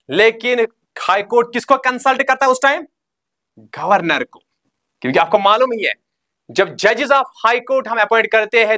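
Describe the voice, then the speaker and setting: A man giving a recorded exam coaching lecture. He asks his students short questions and answers them himself, reads key terms out slowly and repeats them, and keeps telling the class to remember. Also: high-pitched, sharp tone.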